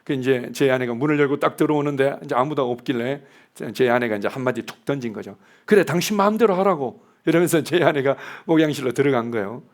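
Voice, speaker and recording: A man's voice: medium pitch, fast talker. A middle-aged man preaching a sermon in a conversational way, acting out what spouses say to each other. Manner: conversational preaching, acts out spouses' lines in quotes. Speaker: pastor.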